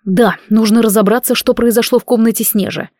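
A woman's voice: a little high, fairly even intonation, a little fast, a little mellow, dry recording, clean studio sound. A woman voicing a commanding male dragon king who gives curt orders in an audiobook. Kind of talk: audiobook character voice.

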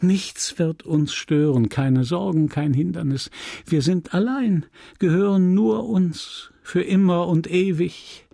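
A man's voice: high voice, slow pace, dark tone, no room sound, studio quality, voice pushed up, full character voice. A man voicing a passionate, tearful young woman in a read novel, pleading and intense. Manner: intense, pleading, breathy at times.

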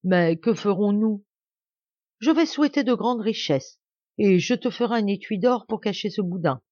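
A woman's voice: mid-range voice, lively intonation, normal speed, a little mellow, no echo, lightly acted. Storybook peasant husband, hasty and exasperated, read by a woman; dry, muffled home recording.

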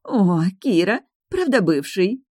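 A female narrator plays a fussy, gushing older woman in charge, her voice lifted higher than the reader's own and fluttering with flattery. Close, dry sound. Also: slow pace, breathy edge, dry recording, exaggerated voice. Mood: coquettish, gushing.

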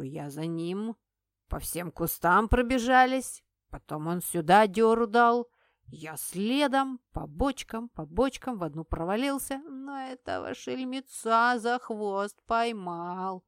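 A woman voicing a tipsy, cheeky little male imp familiar who hiccups and drawls slowly in an audiobook. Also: mid-range voice, expressive, dry recording, studio quality. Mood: boastful.

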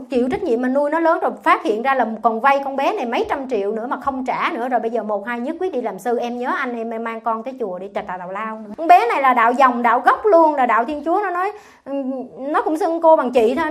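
A middle-aged woman, a Buddhist nun, giving a dharma talk in an animated, colloquial way, scolding and telling stories. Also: sits high, quick pace.

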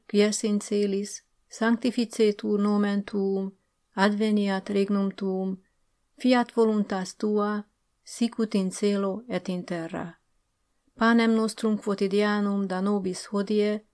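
An eager, naive young schoolteacher , as a woman reader puts her on who answers earnestly and a little too willingly. Her voice sits a touch higher, with a gravelly rasp. Audiobook storytelling. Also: a little mellow, natural voice. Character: eager naive young female village teacher.

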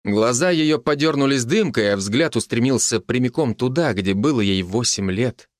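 A male narrator reads an audiobook at a measured, steady pace. His voice sits in a middle range. The recording is close and dry. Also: mid-range voice, dry recording. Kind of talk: scripted narration.

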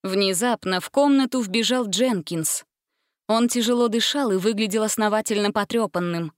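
Woman storybook narrator, measured delivery, mid pitch, dry close recording. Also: no echo. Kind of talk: storybook reading.

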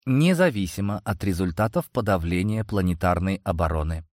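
A man reading a story, voicing a ship's artificial intelligence that reports slowly and flatly. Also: sits low, dry recording, studio quality. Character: emotionless ship artificial intelligence.

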